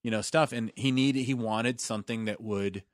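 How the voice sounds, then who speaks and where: A man's voice: mid-range voice, fairly even intonation, moderate pace, no room sound, studio quality. A man co-hosting a podcast, chatting casually about films in a loose, rambling, enthusiastic way. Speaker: podcast co-host.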